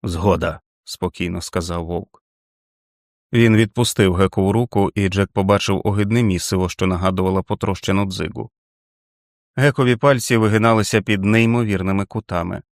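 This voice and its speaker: A man narrating an audiobook in a steady, dramatic reading. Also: on the low side, fairly quick, no room sound, studio quality.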